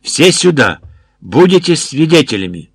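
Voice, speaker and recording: A man voicing a brash, bullying male militia major who shouts and mixes Russian words into his speech, in an audiobook. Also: medium pitch, moderate pace, no echo, lightly acted. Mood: shrieking.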